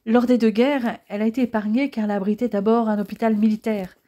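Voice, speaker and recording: A woman's voice: fairly high pitch, fairly even intonation, fast talker, dark tone, natural voice. A woman reading the lines of an affectionate young woman who loves history, in an audiobook.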